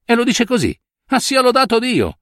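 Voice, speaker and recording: A man voices a cheerful, teasing male friend in a full character voice pitched very high, well above his own, with wildly swooping pitch and a fairly bright tone. He banters jovially at a moderate pace. The recording is dry and clean, with studio sound.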